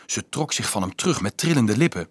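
A man reading a novel aloud as an audiobook narrator, expressive and shifting his voice for the characters. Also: mid-range voice, fairly quick, breathy edge, no echo.

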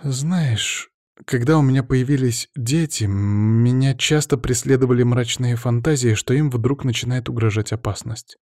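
A man voicing an emotional young woman in an audiobook, raising his voice high and breaking into sudden exclamations. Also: normal speed, a little mellow, dry recording, clean studio sound, natural voice. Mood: quiet, reflective. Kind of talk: audiobook character voice.

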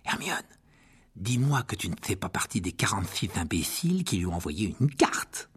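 A teenage schoolboy, put on by a male reader, muttering to a friend in a hushed, half-whispered voice. It is soft and a little husky. He sounds exasperated. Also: low-pitched, big pitch swings, normal speed, pitched below the performer's own voice, full character voice.

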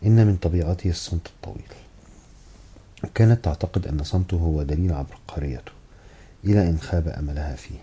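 Very deep-voiced male audiobook narrator. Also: breathy edge. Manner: steady, brisk literary reading. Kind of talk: first-person novel narration.

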